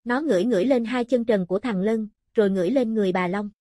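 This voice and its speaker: A woman narrating a storybook in a plain, even-paced reading. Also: fairly high pitch, quick pace, no room sound, studio quality.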